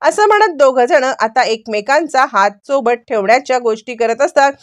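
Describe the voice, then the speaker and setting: A woman retelling a TV serial episode in a steady, descriptive storytelling way. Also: sits high, moderate pace, no room sound, studio quality. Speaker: TV serial recap narrator. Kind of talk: storytelling recap.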